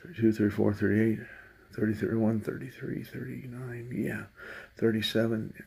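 A man with a gravelly, husky voice mutters dry, sarcastic remarks as he works through scratch tickets. His talk is loose and unhurried, half to himself and half to his viewers. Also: on the low side, level tone, a little mellow. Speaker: channel host. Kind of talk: casual running commentary while scratching lottery tickets.

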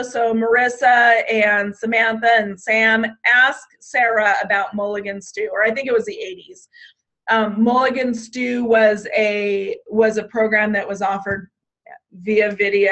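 This woman speaks a little high, with a fairly bright tone, as the state 4-H program leader orienting youth program staff online. Conversational and prone to ums and restarts, she sounds tired, her voice fading.

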